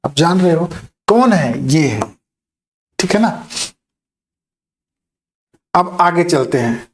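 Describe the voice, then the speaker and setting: Slow, patient Hindi grammar teacher. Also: mid-range voice, expressive. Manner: explains step by step, often checks in with listeners. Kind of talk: exam-prep grammar lecture.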